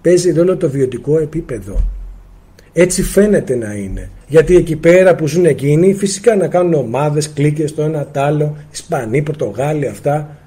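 Husky, animated man teaching a live seminar. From Greece. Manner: animated, acts out little dialogues with sudden pitch swings; addresses listeners directly as friends. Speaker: spiritual teacher. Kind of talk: live seminar answering viewer questions.

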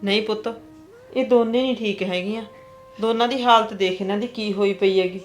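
A woman's voice: medium pitch, steady tone, fairly quick, faint music behind. A woman with a Punjabi accent acting a kind, pleading aunt in a drama. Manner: gentle and pleading. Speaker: actress playing an aunt.

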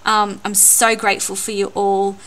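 An Australian woman unboxing a craft gift on her vlog, gushing and excitable, often repeating words. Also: medium pitch, normal speed. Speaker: craft vlogger. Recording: noisy home recording.

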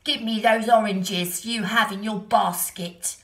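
A woman voicing a greedy goat that makes loud, pushy threats. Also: mid-range voice, fairly even intonation, a little slow, reverberant, natural voice.

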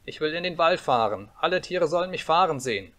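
A man reading an audiobook, voicing a demanding little boy who shouts shrilly. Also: on the high side, expressive, fairly quick, voice pushed up. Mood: eager.

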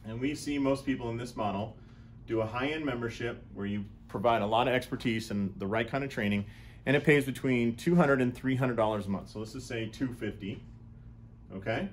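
A man in his thirties coaches clinic owners through a whiteboard lesson, thinking aloud as he works each sum out. His voice sits at an ordinary middle pitch. A lapel mic in a small room catches him over a faint background hiss. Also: a little fast. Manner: casual, thinks aloud while doing sums. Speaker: chiropractic business coach.

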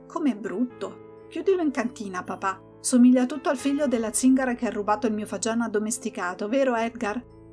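A woman voicing a spoiled little girl who speaks in a slow, sneering way, in a storybook reading. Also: fairly high pitch, darkish tone, faint music behind, natural voice. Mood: disdainful.

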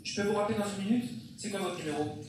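A man acting in an amateur stage comedy, playing a busy man who answers the phone briskly. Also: sits high, a crowd in the background, lightly acted. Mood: hurried. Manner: rushed, brisk. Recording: echoey theater from far off, audience noise.

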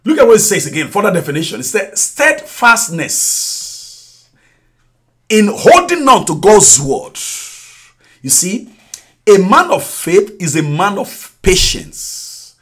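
A man's voice: sits high, a bit bright. A male preacher teaching a sermon, repeating phrases emphatically with frequent laughs and praise.

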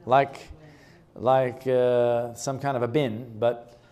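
A man giving a chatty, relaxed presentation about a health retreat to a church group, showing slides and chuckling often. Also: mid-range voice, takes it slowly. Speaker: guest speaker presenting a health retreat ministry. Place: church meeting room.

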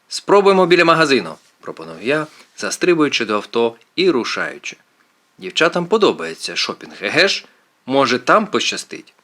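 A man reading an audiobook aloud as narrator. His reading is expressive and animated, with a voice of ordinary middle pitch that rises and falls freely.

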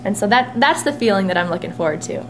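A young woman in her twenties chatting in a casual interview about her work, upbeat and quick to laugh, recorded close on a handheld camera in a small locker room. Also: medium pitch. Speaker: interviewee, team sales and marketing staffer. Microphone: camera phone held close at arm's length. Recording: noisy room with steady hum.

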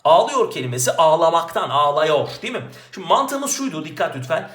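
A male teacher with a high voice solves exam questions aloud and swoops all over his range. He keeps asking himself questions and then answers them at once. The sound has a clear room echo. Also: a little fast. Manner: lively, talks to himself, asks and answers his own questions. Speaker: Turkish language teacher. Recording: roomy echo.

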